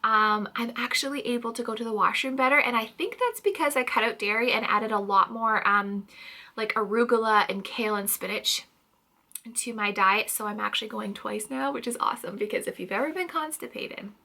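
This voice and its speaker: Woman, 30s, from Canada, breathless casual vlogger, fairly high and bright tone, chatty with fillers. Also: a little fast, creaky. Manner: chatty, frequent "um" fillers, light laughs. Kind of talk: casual pregnancy update vlog.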